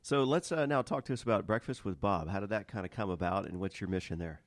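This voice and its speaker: A man's voice: fairly low pitch, quick pace, no room sound. A man hosting a business radio interview in a studio, chatty and joking, with many fillers. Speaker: radio show host. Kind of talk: casual interview chat.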